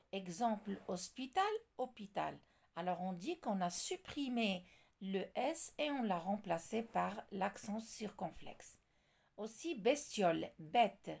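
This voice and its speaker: A woman teaching a French lesson, explaining slowly and deliberately and spelling out word examples one by one. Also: medium pitch, gravelly, a little mellow.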